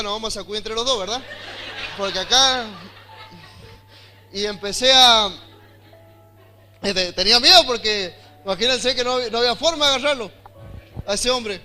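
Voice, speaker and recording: Man, Argentine accent, young adult, preacher, high voice, animated and emphatic, faint music behind. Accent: Argentine Spanish. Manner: animated, often rising to loud emphatic preaching. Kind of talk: sermon with personal testimony.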